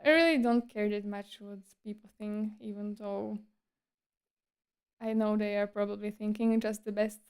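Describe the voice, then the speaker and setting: A woman's voice: mid-range voice, fairly even intonation, normal speed, clean tone. A woman streamer chatting casually in a livestream monologue, with a breezy, playful and slightly coy, teasing manner.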